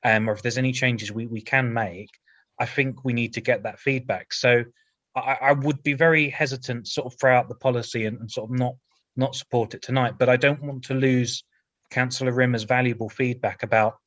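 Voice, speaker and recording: A man's voice: medium pitch, fairly even intonation, a little fast, a bit bright, no room sound, lo-fi sound. A male councillor speaking in a council committee meeting, hesitant, often repeating words, with light humour.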